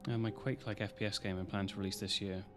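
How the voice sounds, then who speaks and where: Low-pitched British man rambling casually. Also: fairly even intonation, fast talker, music in the background. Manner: rambling, loosely strung-together talk. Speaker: live streamer hosting. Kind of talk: casual stream chat.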